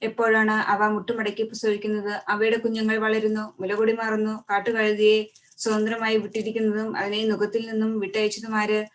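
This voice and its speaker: A woman reading scripture aloud at a steady pace, often stopping to restart a word. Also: mid-range voice, fairly quick, far from the mic. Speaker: Bible reader.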